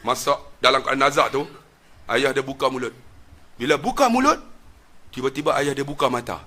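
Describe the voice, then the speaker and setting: A man with a Malaysian Malay accent, preaching a sermon as a story, animated, with big swings of pitch and volume. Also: fairly quick.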